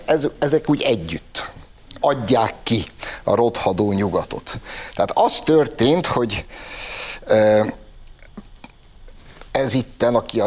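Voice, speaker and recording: Deep-voiced sarcastic male commentator. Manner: sarcastic, mocking. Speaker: talk show host. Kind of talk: opinion commentary.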